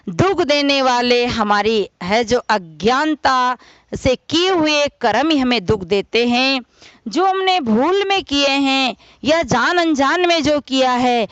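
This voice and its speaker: High-voiced woman preaching a parable. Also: dry recording, lo-fi sound. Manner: tells a parable, acting out mourners and consoling women in quoted speech. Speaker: religious preacher. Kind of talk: devotional sermon with storytelling.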